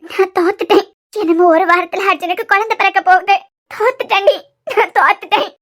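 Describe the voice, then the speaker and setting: A woman's voice: steady tone, fairly quick, a bit bright. A woman voicing a tearful scheming young woman. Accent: Kanyakumari Tamil. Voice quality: very high-pitched. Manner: pleading, self-pitying. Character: heartbroken scheming young woman, obsessive and vengeful. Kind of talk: cartoon serial voice acting.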